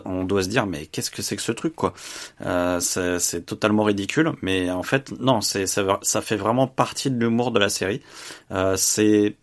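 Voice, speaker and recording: A man co-hosting a podcast, giving an unscripted, casual review of a TV series and searching for his words as he goes. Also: on the low side. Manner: unscripted and searching for words, lively when praising.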